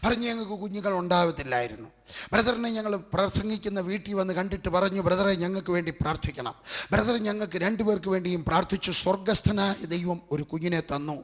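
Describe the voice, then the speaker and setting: A man's voice: sits high, fast talker, a bit bright. A man preaching a fervent sermon with a Malayali accent, building his points through repeated rhetorical lines. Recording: long hall reverb.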